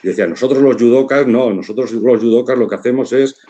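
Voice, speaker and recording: Speaking from his living room on a video call, this writer and philosopher in his fifties delivers a casual congress talk with a Spanish accent. He pauses thoughtfully, tosses in frequent short tags, and his medium-pitched, dark voice comes through with the highs cut off.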